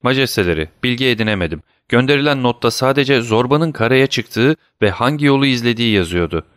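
A man's voice: mid-range voice, animated, quick pace, a bit bright, clean tone, dry recording, studio quality, voice pushed up, close to an everyday voice. A man voicing a frightened male government minister who mumbles and pleads before his king. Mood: fearful, pleading.

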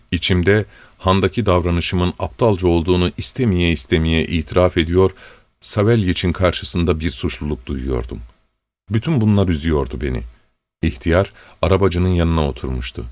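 A man reads a classic story aloud in a measured, reflective first-person narration. His voice sits fairly low and is recorded dry and close. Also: no echo. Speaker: audiobook narrator.

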